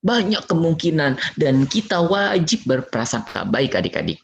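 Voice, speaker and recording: A man's voice: on the high side, very animated, moderate pace, vocal fry, slight background noise. A man telling a playful story lesson to children, acting out knocks and sounds with little chuckles. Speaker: children's religious teacher. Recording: dull lo-fi recording.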